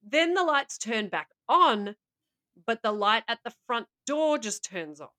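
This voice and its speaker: A woman's voice: on the high side, sing-song, measured pace, pushed and bright. A woman co-hosting a casual podcast, reading out stories with playful asides and laughter. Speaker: podcast co-host.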